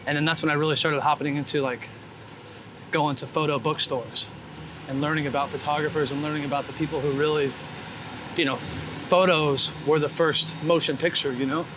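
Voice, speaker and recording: His pitch is fairly high, his tone steady, and he talks fairly quickly. The guest, a street photographer and onetime BMX vlogger, chats in a relaxed, candid way, swearing and using slang while walking in the city. It's recorded on a noisy street with traffic, and that street noise is clearly heard.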